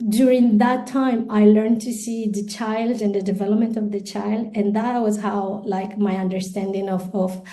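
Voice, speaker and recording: A Colombian woman whose first language is Spanish appears as a guest on a podcast interview. Her mid-range voice is warm and steady, moving at a moderate pace with few pauses. She is thoughtful, often restarting and repeating words, and laughs lightly.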